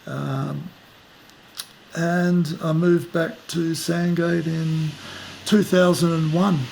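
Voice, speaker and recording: A man in his fifties with an Australian accent and a gravelly, fry-edged voice pitched a little high. He answers unhurriedly and reflectively, trailing off into fillers as he thinks. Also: flat delivery, very slow, darkish tone, slight background noise. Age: 50s. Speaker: musician interviewee. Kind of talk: casual interview. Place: outdoors at the back of a house, rainy day.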